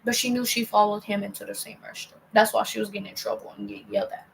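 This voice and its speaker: A woman's voice: mid-range voice, sing-song, quick pace, gravelly, slight background noise, rough recording. A young woman casually telling a personal story on a vlog, heated and profane, rambling with lots of fillers and restarts.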